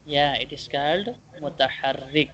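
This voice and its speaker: A Quran teacher giving a one-on-one online lesson, explaining and drilling pronunciation haltingly, repeating points and often checking understanding. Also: mid-range voice, a bit bright. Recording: dull lo-fi online call, clear background noise.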